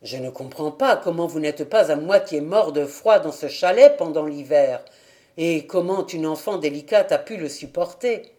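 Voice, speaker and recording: Measured, persuasive village pastor in a storybook reading; a narrator does him, calm and earnest. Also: mid-range voice, close to an everyday voice. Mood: conciliatory. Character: earnest village pastor, middle-aged man. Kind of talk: audiobook character reading.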